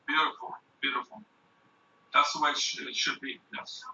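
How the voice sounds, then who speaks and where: A man's voice: a little high, monotone, moderate pace, gravelly, sharp tone, a little hiss or hum. A man giving an informal lecture to a group, rambling with restarts and frequent "okay?" check-ins. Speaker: speaker teaching a group. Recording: distant, dull, echoey room.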